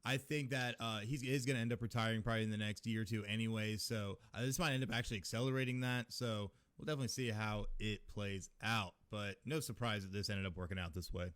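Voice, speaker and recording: A man co-hosting a sports podcast in casual talk, chatty and quick to explain. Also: on the low side, steady tone, a bit bright. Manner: chatty, reads a promo. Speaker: podcast co-host.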